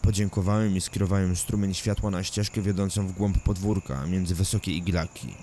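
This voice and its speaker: A man narrating a first-person thriller audiobook in a calm, measured storytelling manner. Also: sits low, a little hiss or hum.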